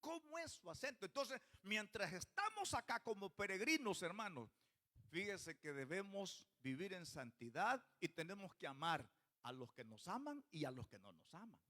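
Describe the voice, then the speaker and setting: A man's voice: high-pitched, very animated, normal speed, pushed and bright. A male pastor preaching a sermon in church, often putting questions to the congregation.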